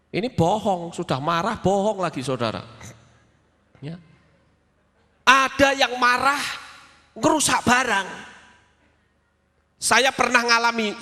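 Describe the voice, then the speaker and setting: A man preaching a sermon as pastor, telling stories in an animated way and acting out voices and sounds. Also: high-pitched, long reverb tail.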